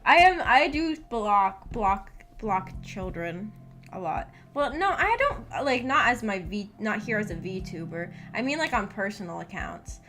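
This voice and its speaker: A woman with a medium-pitched, fairly bright, sing-song voice speaks at a measured pace. She's a streamer chatting casually with viewers, rambling through personal stories in a hesitant, giggly, self-deprecating way. Background music plays beneath her voice.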